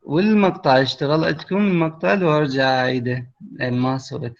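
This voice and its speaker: A man's voice: medium pitch, quick pace, gravelly. A man with an Iraqi accent teaching a class over a video call, explaining step by step and checking that his students follow. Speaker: English teacher. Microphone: computer mic on a video call. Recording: lo-fi online call audio.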